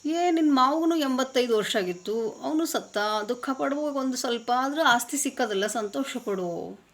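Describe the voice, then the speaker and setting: A woman's voice: high-pitched, animated, normal speed, pitched above the performer's own voice. A woman voicing an exasperated male friend scolding a grieving man. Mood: reasoning. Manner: exasperated, loud.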